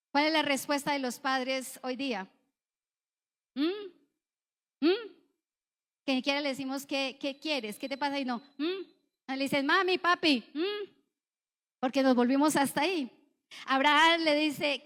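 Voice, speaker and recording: A woman's voice: high voice, a bit bright. A woman pastor preaching a sermon, asking her congregation questions and acting out prayers aloud. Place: church sanctuary. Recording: long reverb from a church hall.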